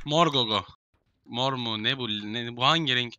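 A man's voice: medium pitch, normal speed, sharp tone, dry recording. A young man in casual game voice chat, bossily herding players into rooms and swearing. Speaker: gamer streamer.

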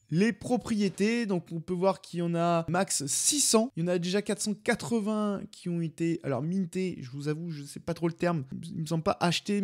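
A young man casually talking through an on-screen walkthrough, chatty and self-mocking, with frequent hesitations. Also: high voice. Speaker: YouTube channel host.

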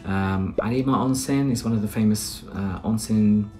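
With music in the background, a British man in his thirties speaks in a lowish voice at a moderate pace. The talk is a casual vlog plus voice-over narration from a small plain indoor room. He's chatty and rambling, restarting often and filling gaps with "uh."

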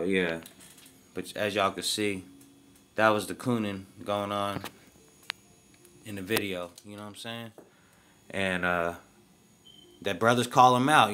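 A man's voice: lowish voice, fairly bright tone, slight background noise. A man giving casual, slangy video commentary in an emphatic way, often asking "you feel me".

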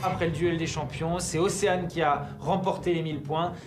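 A man's voice: a little high, fairly even intonation, a little fast, reverberant. Show narrator: man, scripted recap delivery, light music behind.

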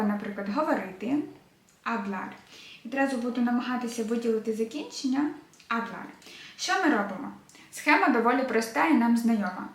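A young woman teaching a beginners' language lesson, clearly repeating each verb form slowly for drilling. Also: fairly high pitch, roomy sound. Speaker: Spanish teacher.

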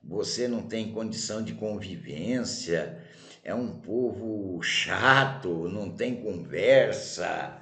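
A man's voice: deep voice, big pitch swings, slow, darkish tone, pitched below the performer's own voice, full character voice. A man voicing a fed-up male wanderer who complains and keeps tagging on "né?". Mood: grumbling. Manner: complaining, peppered with "né?". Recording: roomy echo.

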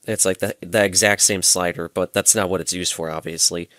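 The deep, steady voice belongs to a young adult man who talks a little fast, sounding a bit bright. Using a headset mic in a small room at home, he runs a gadget tutorial with an informal, step-by-step hands-on demonstration, and the studio-quality recording has no room sound.

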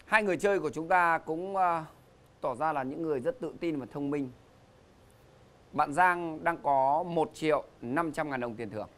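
A man's voice: a little high, moderate pace, a bit bright. A middle-aged man hosting a game show, with joking, teasing banter and theatrical emphasis. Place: TV studio stage.

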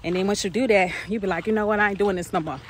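A woman's voice: medium pitch, fairly even intonation, rapid-fire, slight background noise. A woman vlogging outdoors on a walk, out of breath, upbeat and encouraging, often asking "right?" and saying "y'all". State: out of breath while walking. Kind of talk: casual motivational vlog. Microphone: phone camera held by a companion.

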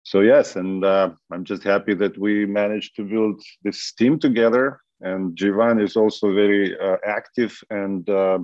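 A man with a deep voice talks thoughtfully over a video call. He repeats words and uses fillers as he goes. The audio is dry and dull. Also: fairly even intonation, measured pace, hardly any pauses, no echo. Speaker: film producer. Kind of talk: answering questions in a video call. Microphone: webcam on a video call.

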